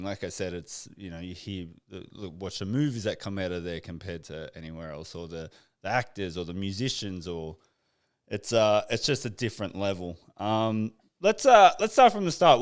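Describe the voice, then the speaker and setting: A relaxed Australian man hosts a casual podcast chat over a video call. His voice sits low and sounds smooth and resonant. He rambles easily, with plenty of fillers and restarts. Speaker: podcast host.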